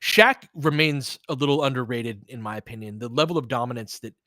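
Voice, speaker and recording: Hosting a casual audio play-by-play fan stream, a man answers listeners during play, chatting conversationally about sports and thinking aloud, often trailing off mid-thought. His mid-range voice is animated, brisk and sharp, recorded dry on a close microphone.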